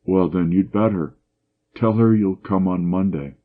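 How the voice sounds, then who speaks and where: A man's voice: deep voice, a little slow. A man voicing an exasperated young man who presses his sister for an answer. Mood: pressing. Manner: exasperated, insistent. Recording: dull lo-fi audio.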